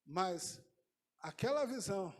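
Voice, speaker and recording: A Brazilian man preaching a sermon as a pastor, telling an emotional testimony that breaks into shouted peaks. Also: high voice, lively intonation, takes it slowly. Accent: Brazilian Portuguese. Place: church congress.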